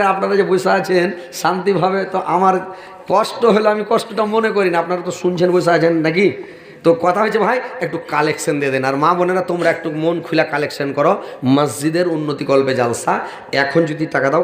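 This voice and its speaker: A male preacher giving a humorous sermon at a large outdoor gathering, teasing the audience and asking for donations over a loudspeaker. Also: sits high. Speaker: Islamic preacher. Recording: echoey public-address sound at a crowded gathering.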